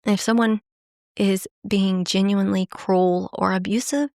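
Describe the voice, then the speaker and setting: A woman hosting a podcast, giving relaxed, conversational advice and acting out short example lines. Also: medium pitch, measured pace, vocal fry, no echo, studio quality. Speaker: podcast host. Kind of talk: casual advice talk.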